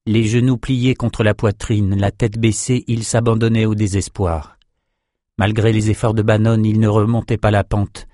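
A man reads a fantasy novel aloud in a steady, measured way. His voice sits low for a man. The sound is dry and close, with no room around it. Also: dry recording. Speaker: audiobook narrator. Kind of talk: scripted narration.

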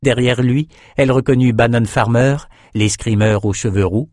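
A man reading a fantasy novel aloud in steady scripted narration. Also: medium pitch, normal speed, dry recording, clean studio sound. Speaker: audiobook narrator.

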